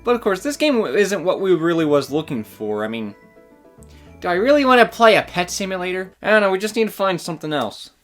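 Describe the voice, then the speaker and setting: A man's voice: high-pitched, sing-song, fairly quick, fairly bright tone, faint music behind, voice pushed up. A man playing a sarcastic young man stranded in a desert, firing off dry quips in a comedic skit.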